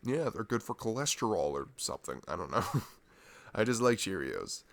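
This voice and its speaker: A boyfriend-roleplay ASMR performer talks at a moderate pace in a fairly low voice with big pitch swings and no room sound. His intimate, informal chatter wanders into rambling rants, interrupted by chuckles and sighs.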